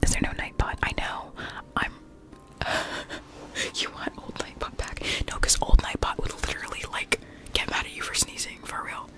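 A young woman in her late teens whispering close to a studio mic in her bedroom, reading chat messages aloud and answering them in whispered live-stream chat. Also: moderate pace. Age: young adult. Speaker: ASMR streamer. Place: bedroom with plush toys, indoors. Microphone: studio mic close in front.

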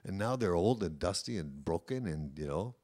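Man, very low voice, professor giving a casual talk to teachers, chatty and anecdotal, lots of "you know". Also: lively intonation, normal speed, darkish tone. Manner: conversational and anecdotal, frequent "you know" asides. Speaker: professor of Hawaiian language. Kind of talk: informal lecture to an audience of teachers.

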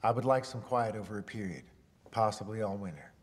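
A man's voice: fairly low pitch, fairly quick, close to an everyday voice. Man voicing a scheming period-film writer, polite, persuasive, formal, long reverberant film sound. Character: scheming smooth-talking male writer courting lodgings.

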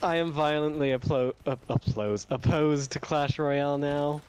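A man's voice: on the high side, steady tone, moderate pace, a little mellow, smooth. Hesitant, dry-humored man playing a game. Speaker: gamer. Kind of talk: casual gaming voice chat.

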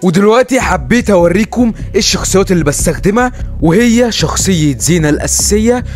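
A man with an Egyptian Arabic accent giving excitable live commentary over his gameplay, calling out to his viewers. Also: sits high, fast talker. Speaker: gaming YouTuber. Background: game music and gunfire.

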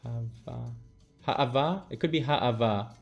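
Here the same kind of casual live-stream chatter comes in a mid-range, creaky voice that takes its time, over soft background music and lo-fi sound. The man, in his late twenties, sits at a desk in a small room, thinking aloud, joking and swearing.

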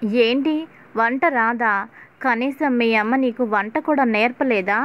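Brief: shrill scolding mother-in-law, sharp and nagging, read by a woman. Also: slow pace, muffled recording. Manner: nagging, rising to agitated scolding.

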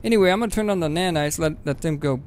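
A man giving rambling, casual let's-play commentary on his game, swearing freely and breaking into excited bursts. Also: on the high side, fast, a little hiss or hum. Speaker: gaming video host.

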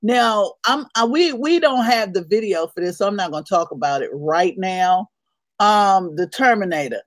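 A woman co-hosting a casual morning chat show, loud and laughing as she tells stories and gossips. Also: mid-range voice, lively intonation, normal speed, no echo. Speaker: co-host.

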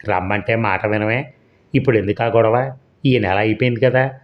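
A man's voice: on the low side, moderate pace, lightly acted. A man voicing a hot-tempered young husband in a storybook reading, speaking in a regretful, pleading way. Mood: coaxing. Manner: coaxing, then regretful and pleading. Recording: dull lo-fi recording.

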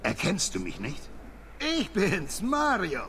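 A man voicing a gruff, seasoned warrior uncle in a German game dub, with a gravelly voice. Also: on the high side, wildly swooping pitch, takes it slowly, a little hiss or hum, full character voice. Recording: game audio with loud music behind.

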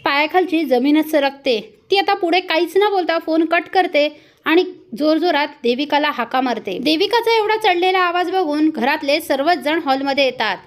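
A woman narrating a TV serial recap in a steady, dramatic storytelling manner. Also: high voice.

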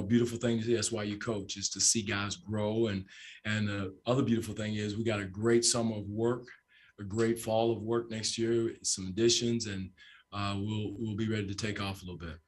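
Low, flat-voiced older coach at press conference. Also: male voice. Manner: measured, repeats phrases, frequent fillers. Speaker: basketball head coach. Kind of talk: postgame press conference answers. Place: press room with sponsor backdrop. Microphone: table microphone in front.

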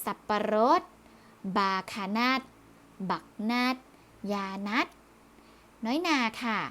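A woman's voice: fairly high pitch, expressive, takes it slowly, fairly bright tone. Patient woman teacher reviewing a lesson. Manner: patient, repeats words and ends phrases with polite particles. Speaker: primary school Thai teacher. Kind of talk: recorded online review lesson.

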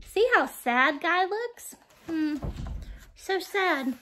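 A woman reading a children's picture book aloud, expressive and animated, with asides to her young listeners. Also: extremely high pitch, extremely slow, slight background noise. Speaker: storybook reader. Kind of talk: children's storybook read-aloud.

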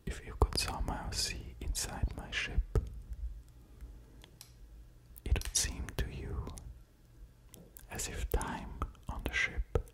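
Slowly whispering man, close ASMR. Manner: slow, deliberate whispering close to the ear. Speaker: ASMR creator explaining physics. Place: small quiet room at home, indoors. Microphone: pair of studio condenser microphones with pop filters, very close.

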